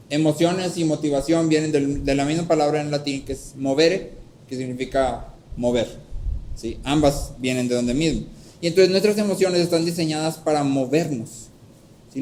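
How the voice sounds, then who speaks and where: A man preaching a sermon, teaching step by step and often checking in with a quick "¿sí?", and acting out a story with lively voices. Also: fairly high pitch, a little hiss or hum, poor audio. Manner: checks in with frequent "¿sí?". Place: church hall.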